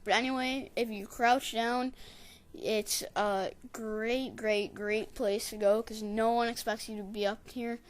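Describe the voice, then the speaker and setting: Rambling, excitable high-voiced gamer. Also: female voice. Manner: rambling, digressive storyteller; excitable, shouts catchphrases when retelling. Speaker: gameplay commentator. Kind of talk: casual gameplay voice-over.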